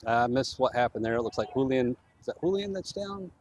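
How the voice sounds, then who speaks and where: A man's voice: medium pitch, animated, fairly quick, darkish tone. A man giving casual, chatty live commentary on a soccer match for the home club. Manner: chatty, easygoing, laughs easily.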